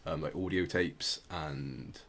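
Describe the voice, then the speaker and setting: Hosting a casual podcast, a man with a low-pitched voice explains things slowly and conversationally. His tone stays steady as he rambles a little and softens his points along the way.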